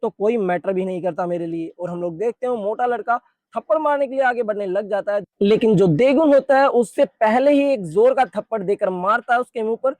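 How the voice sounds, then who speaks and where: A man narrates a comic story as a steady, plain recap. His voice sits high for a man, and the recording is dry and close, with no room sound. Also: a little fast, dry recording.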